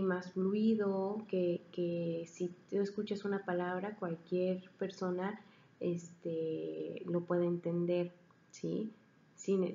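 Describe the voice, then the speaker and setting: A woman teacher lectures a class, explaining things and frequently asking questions to make sure students follow. Her voice is fairly low and dark. The recording sounds dull and roomy, with faint hiss.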